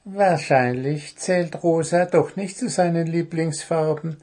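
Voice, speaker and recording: Man doing a gentle little owl. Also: fairly high pitch, slow pace, voice pushed up. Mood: thoughtful. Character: small calm male owl, gentle.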